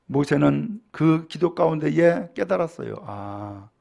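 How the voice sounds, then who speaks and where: A middle-aged man, a pastor, delivering a sermon with animated preaching that acts out quoted speech. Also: high-pitched, unhurried, vocal fry.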